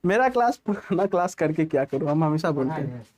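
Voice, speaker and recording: A man's voice: on the high side, expressive, a little fast, darkish tone. Male tutor with a Bihari Hindi accent, casual and coaxing, hurrying students along. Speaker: physics tutor. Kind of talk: casual classroom teaching.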